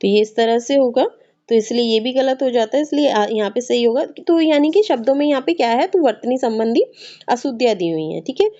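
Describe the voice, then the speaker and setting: Dark-toned woman teaching grammar. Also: fairly high pitch, animated, brisk. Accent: Hindi from north India. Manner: explains patiently, repeats words, often asks ठीक है. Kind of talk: exam-prep grammar lesson. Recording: slightly dull, muffled recording.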